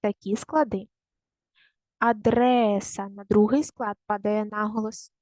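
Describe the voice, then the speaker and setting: A woman teaching a primary school language lesson online, speaking slowly and carefully and repeating words to show their stress. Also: a little high, animated, darkish tone, no echo.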